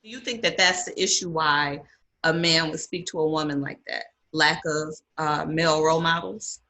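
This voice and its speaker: Woman interviewer, emphatic; bright tone with some gravel. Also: deep voice, steady tone, moderate pace. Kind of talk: casual conversation.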